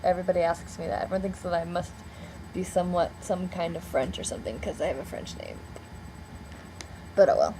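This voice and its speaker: A woman's voice: on the low side, animated, a little fast, background noise. A young woman in a casual storytelling vlog, rambling and filling her speech with "like" and "um.". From United States. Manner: rambling, heavy on "like" and "um" fillers. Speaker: vlogger.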